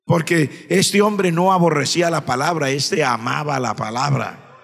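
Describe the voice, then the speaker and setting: High, bright-voiced preacher in a reverberant church. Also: male voice, measured pace, vocal fry, breathy edge. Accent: Colombian Spanish. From Colombia. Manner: swings from quiet reading to shouted, high-pitched preaching. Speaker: pastor. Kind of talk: Pentecostal sermon. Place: church sanctuary. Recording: church hall with long reverb.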